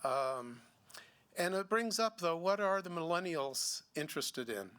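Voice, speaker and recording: Man, gallery owner, seminar talk, bright tense voice, slightly high, many restarts. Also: lively intonation, clear, resonant tone. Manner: halting, many restarts and fillers. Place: museum seminar room.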